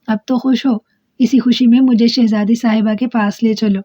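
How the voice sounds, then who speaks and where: Woman putting on phlegmy quavering old crone voice, storybook trickster in disguise, sobbing pleas, higher pitch, dull dry recording. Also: fairly even intonation, warm tone, dry recording, close to an everyday voice. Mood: wheedling.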